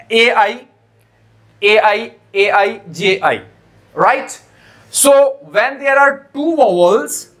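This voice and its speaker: High-voiced male teacher, slow and deliberate. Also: pushed and bright. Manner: explanatory, repeats rules and asks "right?" to check understanding. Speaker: English teacher. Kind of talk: spelling-rules lesson mixing Hindi and English.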